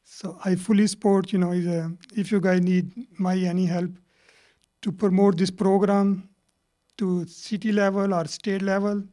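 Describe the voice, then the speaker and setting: With a high, level, mellow voice, a middle-aged Pakistani man whose native language is Punjabi rambles haltingly through panel remarks. He uses many fillers, speaks with a Pakistani accent, and holds a handheld mic in a lecture hall.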